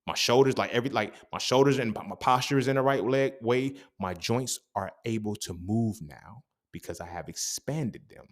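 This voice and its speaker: A man's voice: medium pitch, moderate pace, few pauses. A young man hosting a casual motivational monologue, emphatic and profane, who keeps checking in with his listener. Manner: profane, emphatic, keeps asking "you feel me?". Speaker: podcast host.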